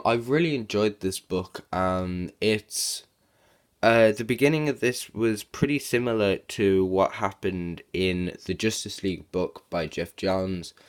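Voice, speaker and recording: A man's voice: low-pitched, clean tone. A man with a sore throat and sniffles giving a casual, rambling video review as a comic book reviewer.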